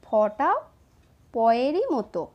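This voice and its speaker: A woman, slowly and patiently explaining each step of writing letters to children. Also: on the high side, big pitch swings, highs cut off. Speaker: teacher. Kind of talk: handwriting lesson for children.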